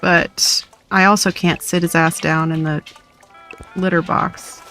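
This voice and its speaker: Slow-talking giggly woman streamer. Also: on the low side, little pitch movement, sharp tone. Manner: giggly and playful, chatting to viewers. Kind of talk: casual live-stream chat while gaming. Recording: dry close mic with faint music.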